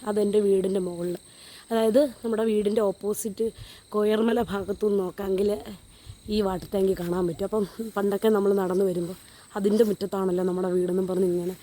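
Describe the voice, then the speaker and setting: A woman with a warm, relaxed, mellow tone, reminiscing casually to a phone camera. She walks uphill outdoors as she talks, rambling along with plenty of fillers. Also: mid-range voice, quick pace. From Kerala, India. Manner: chatty and meandering, with frequent fillers; talking while walking uphill. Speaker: vlogger. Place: outdoors on a hill beside a water tank.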